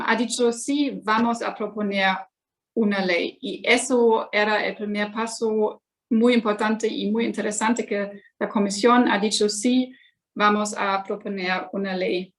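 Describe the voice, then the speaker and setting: A woman from Germany with a German accent, speaking as a non-native guest on a webinar panel, haltingly searching for words. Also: a little high, low-quality recording. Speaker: guest politician, member of parliament.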